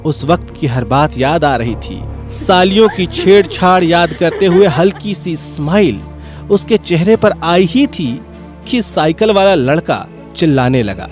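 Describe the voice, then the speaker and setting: Brief: male storyteller, animated and wry, slightly high voice, soft music behind. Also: measured pace. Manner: lively, wry comic narration. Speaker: narrator. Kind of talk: scripted storytelling narration.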